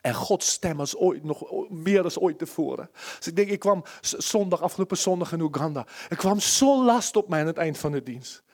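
Husky preacher swinging to whispers. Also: male voice, fairly high pitch, expressive, normal speed. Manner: impassioned, swings from loud pleading to hushed whispers. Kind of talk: sermon. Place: church service.

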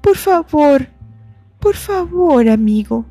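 A woman doing a little girl lizard, high and pleading. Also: lively intonation, slow, warm tone, soft background music, exaggerated voice. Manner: pleading, sweet and childlike. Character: small young girl lizard who lost her tail, polite and hopeful.

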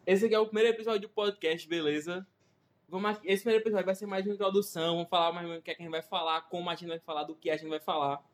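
A man running a casual podcast and introducing his friends one by one. He talks fast in a high, bright register, full of slangy energy. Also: steady tone. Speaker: podcast host introducing the crew.

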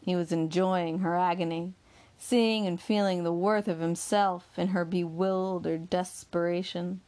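A woman reading a novel aloud in measured, steady audiobook narration. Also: on the low side.

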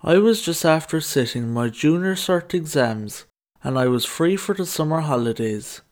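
A man's voice: fairly high pitch, animated, normal speed. A young adult man with a Kerry Irish accent, reading a scripted first-person documentary narration over music. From Ireland. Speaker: documentary narrator telling own story.

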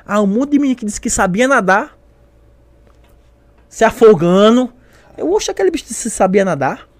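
A young man telling a story in casual chat, animated and acting out the voices of others. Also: sits high, normal speed, no echo. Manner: animated, acts out voices, lots of slang.

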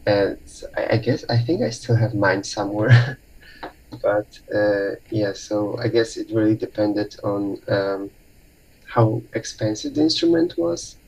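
A man from Poland, chatting casually on a podcast, pausing often with fillers. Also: on the low side, very animated, creaky, darkish tone, husky, low-quality recording. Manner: hesitant, many fillers. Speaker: podcast participant. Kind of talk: casual chat.

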